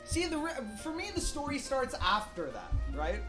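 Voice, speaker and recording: A man's voice: extremely high pitch, wildly swooping pitch, normal speed, over music. A man in his twenties hosting a casual livestream, chatting and making teasing asides. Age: 20s. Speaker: streamer, host.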